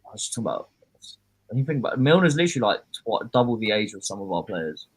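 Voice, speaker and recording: A man's voice: fairly low pitch, sing-song, rapid-fire, slight background noise, poor audio. A man on a football watchalong panel, offering casual, opinionated chat about players and tactics.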